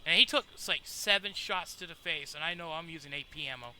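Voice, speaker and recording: A man's voice: fairly high pitch, a little fast, bright, forceful tone. A man chatting casually and tactically as a player in a military game squad, using radio jargon and some swearing. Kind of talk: casual tactical chat during online gameplay. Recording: noisy game voice chat.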